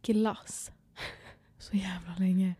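A woman's voice: medium pitch, steady tone, warm tone, slightly rough, no echo. A young woman from Sweden co-hosting a casual chat podcast, gushing and laughing a lot while swearing freely. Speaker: podcast co-host.

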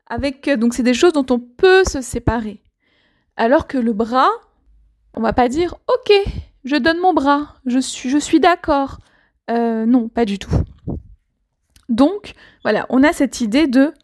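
A woman with a high voice teaches an idiom to learners. She talks slowly and clearly, with patient explanations and many small fillers. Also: a little mellow. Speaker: French teacher.

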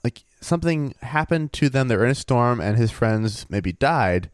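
A man co-hosting a casual podcast, telling a story in a relaxed way and thinking aloud. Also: medium pitch, normal speed, dry recording, studio quality.

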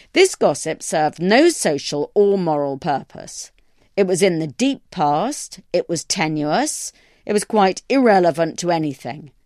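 A woman reading her own essay aloud in a wry, measured way. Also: fairly low pitch, a little mellow, no echo, studio quality. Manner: wry, measured delivery with acted quotes. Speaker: columnist reading her column.

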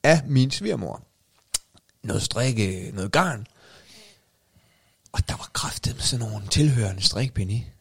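A man co-hosting a podcast, chatting casually and telling a comic story with rising excitement. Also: lowish voice, vocal fry, pauses often, husky. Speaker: podcast co-host.

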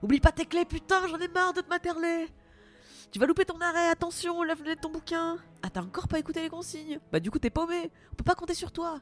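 A shrill, high-pitched inner critic, put on by a woman, scolding and exasperated. She talks like a bossy mother who is tired of repeating herself. A faint music bed plays under the voice. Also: quick pace.

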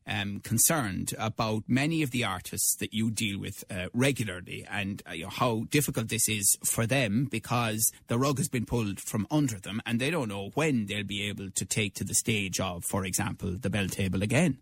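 A man's voice: fairly low pitch, moderate pace, vocal fry, hardly any pauses, slightly rough. A man presenting a radio interview, asking questions in a conversational way.

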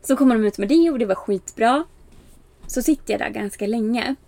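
A young woman casually telling a story, animated, with many fillers, acting out the lines of people she quotes. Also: on the high side, gravelly, dry recording. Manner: animated, acts out quoted exchanges with bright raised voice; frequent filler "bara" and "liksom", laughs at herself.

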